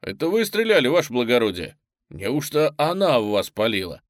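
A man's voice: mid-range voice, very animated, moderate pace, no room sound, clean studio sound, natural voice. A man voicing an eager, deferential male soldier orderly.

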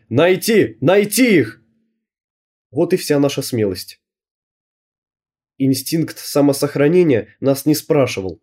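A man narrating an audiobook in a lively storytelling manner. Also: mid-range voice, slightly rough. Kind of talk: scripted narration.

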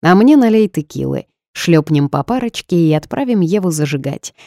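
A woman voicing a brash, bossy young woman who is a pushy friend, speaking loudly and emphatically. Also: low voice, lively intonation, normal speed, dry recording, clean studio sound. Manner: loud, emphatic, commanding.

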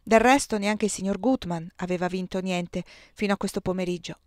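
A woman's voice: fairly low pitch, fairly even intonation, fairly quick, no echo, studio quality, lightly acted. A woman reading aloud, voicing an earnest young man who speaks emphatically.

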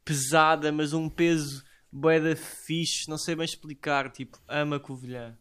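A man's voice: fairly high pitch, steady tone, unhurried, fairly bright tone, clear, resonant tone. A young man in a casual chat, enthusiastic and full of slang and filler words. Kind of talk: casual chat among friends.

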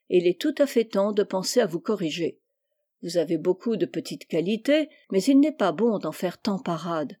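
A woman reading a stern, measured mother. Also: mid-range voice, warm tone, close to an everyday voice. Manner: measured, firm, admonishing. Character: stern, wise middle-aged mother.

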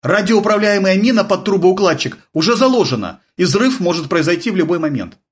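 A man voicing a flustered, excitable young army sergeant who blurts and yelps his lines in an audiobook. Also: a little fast. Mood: reporting. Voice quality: shrill, blurting, agitated. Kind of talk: audiobook character voice.

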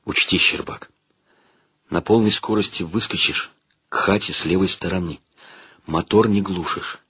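A man voicing a young lieutenant commanding a self-propelled gun crew, giving orders and shouting in battle. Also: low voice, normal speed, breathy edge, no room sound, studio quality, pitched below the performer's own voice, full character voice. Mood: calm orders. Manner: commanding, then frantic shouting.

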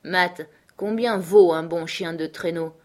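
A woman reading aloud, voicing a stern, commanding man who is quick to anger and speaks in a firm, threatening way. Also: fairly low pitch, a little mellow.

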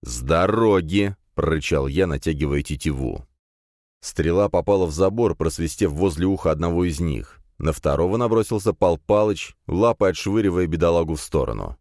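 Male narrator, deep and low, animated dramatic reading, dry booth sound. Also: a little fast, no echo. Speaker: audiobook narrator. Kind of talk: first-person fantasy audiobook narration.

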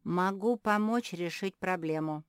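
A woman's voice: on the low side, measured pace, smooth, no room sound, studio quality, voice pushed up, lightly acted. A woman voicing a tiny, kind male gnome who is eager to help. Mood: cheerful.

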